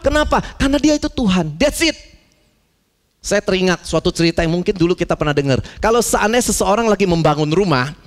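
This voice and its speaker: Male pastor, high-voiced, animated and conversational sermon style. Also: long reverb tail. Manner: animated, conversational preaching with slang and acted-out stories.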